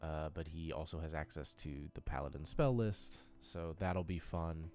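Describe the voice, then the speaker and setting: A rumbling low, darkish voice at a moderate pace belongs to the creator and game master of a tabletop RPG audio drama. He chats casually and unscripted while going through character sheets, murmuring the occasional nonsense sound, with soft music playing behind him.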